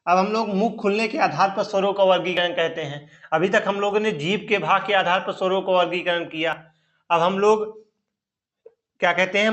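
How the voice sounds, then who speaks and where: Pitched high with a slightly bright tone, a male teacher runs an online Hindi grammar class aimed at teaching-exam candidates. Repetition of each term and frequent questions to the listener mark his style.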